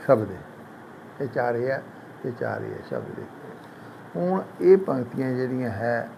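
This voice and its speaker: A man teaching the grammar of Sikh scripture in a devotional lesson, explaining slowly, repeating each point and chanting the quoted verses. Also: medium pitch, gravelly, a little mellow, slight background noise, rough recording.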